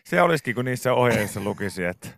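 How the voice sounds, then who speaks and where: A male morning radio host rambles through an anecdote in casual studio chat, filling it with lots of fillers. His mid-range voice swings widely in pitch and sounds creaky and fairly bright, captured dry on a studio microphone.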